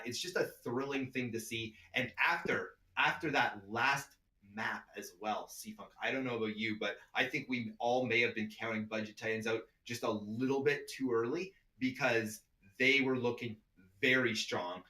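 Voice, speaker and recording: Bright-voiced Canadian male esports caster. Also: medium pitch, moderate pace. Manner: upbeat, chatty, laughs often, rising excitement on big plays. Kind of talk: play-by-play esports commentary.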